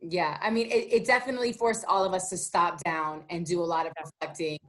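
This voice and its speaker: A woman's voice: fairly low pitch, fairly even intonation, fairly quick, a bit bright. Chatty woman radio host. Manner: chatty, enthusiastic, many fillers. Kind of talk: casual interview chat.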